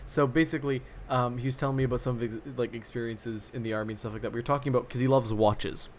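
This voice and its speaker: A man co-hosting a podcast, telling a story in relaxed, casual chat with lots of fillers. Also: medium pitch, fast talker, a little hiss or hum. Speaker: podcast co-host.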